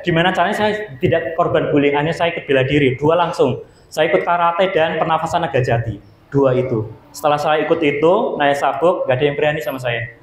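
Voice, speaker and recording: A man in his thirties, a prison officer, giving a motivational talk to students, asking them rhetorical questions and swinging between emphatic rises and low asides. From Indonesia. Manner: asks the audience rhetorical questions. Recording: echoey room with faint ambient noise.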